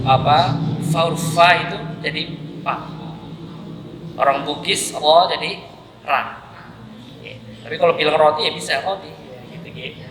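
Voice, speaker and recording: A man with a Javanese Indonesian accent teaching Quran recitation at a mosque class, patiently drilling syllables aloud by repetition. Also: on the high side. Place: large mosque hall. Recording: echoey mosque hall with crowd.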